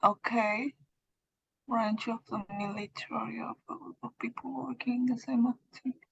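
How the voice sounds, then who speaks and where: A woman's voice: on the high side, fairly even intonation, a little slow, gravelly, husky. Hesitant woman. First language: Spanish. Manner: hesitant, repeats words after the teacher. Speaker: English student. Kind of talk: online one-on-one lesson. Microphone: video call. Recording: dull lo-fi call audio.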